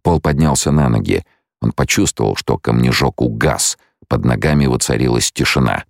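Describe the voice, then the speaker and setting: A man narrating an audiobook in a measured storytelling manner. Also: extremely low pitch, gravelly, no echo, studio quality. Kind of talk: scripted narration.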